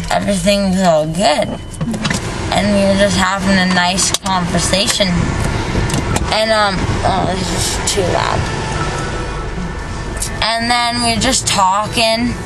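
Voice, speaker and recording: A young woman rambling haltingly in a casual vlog, dazed and groggy, her mouth numb and full of gauze. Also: medium pitch, noisy background. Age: young adult. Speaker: vlogger, patient after wisdom teeth removal. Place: inside a car.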